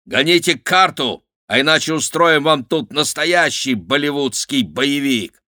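A shaved-headed male stuntman villain growls his demands in a high, pushed voice, played by a man. He gloats and snarls, all bluster. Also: expressive, a little slow, pushed and bright, no echo, studio quality. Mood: growling.

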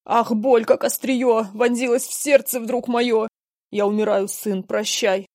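A woman's voice: medium pitch, steady tone, normal speed, mellow, dry recording, studio quality, lightly acted. A woman voicing an old, frail, domineering father who declaims rhymed verse in a pleading, melodramatic way. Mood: anguished. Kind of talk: dramatic verse play reading.

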